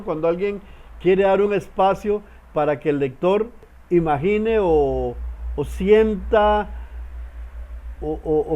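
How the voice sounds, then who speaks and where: A man's voice: sits high, dark tone. A man teaching a writing workshop, explaining step by step with frequent hesitations and repeated words. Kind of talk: online class lecture.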